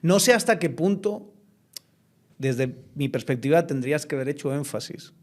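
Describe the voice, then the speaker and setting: A man hosting a podcast interview, chatty and animated, often checking in with tag questions as he talks. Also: a little high, moderate pace. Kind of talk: conversational interview.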